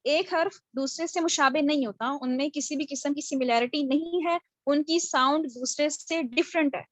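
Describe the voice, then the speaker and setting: A woman's voice: sits high, no room sound. A woman teaching a live online Tajweed class, patiently explaining and modelling Arabic letter sounds aloud, often checking with her students. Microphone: video call.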